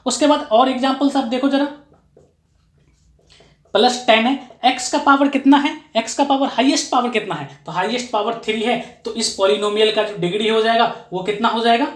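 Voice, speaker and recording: A woman's voice: on the high side, normal speed. Woman teaching maths in an echoey room. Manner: keeps asking and answering her own questions; repeats key phrases for emphasis. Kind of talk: explanatory classroom lesson.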